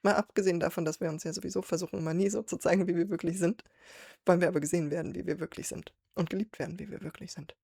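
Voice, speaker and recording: A woman's voice: lowish voice, steady tone, very fast, gravelly, darkish tone, breathy edge, no echo, studio quality. A woman hosting a song reaction, thinking aloud as she explains the lyrics line by line. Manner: thoughtful, reflective, with fillers. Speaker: reaction video host.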